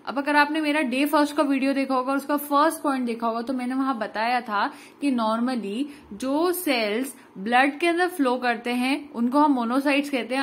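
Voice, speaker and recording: A woman with an Indian accent teaching an exam revision lesson, explaining points, asking and answering her own questions, and reading English notes out slowly. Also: sits high. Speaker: online exam-prep tutor. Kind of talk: Hindi-English revision lecture.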